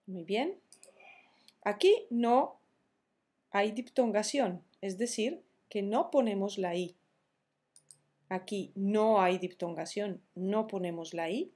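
A woman teaching verb conjugations in a slow, careful tutorial, spelling out each form deliberately. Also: medium pitch, a little mellow, slightly rough. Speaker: Spanish teacher.

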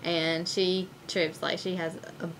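A woman's voice: fairly low pitch, little pitch movement, slow, a bit bright, a little hiss or hum. A woman with a Southern US accent, chatting casually in a documentary interview and using many "like"s.

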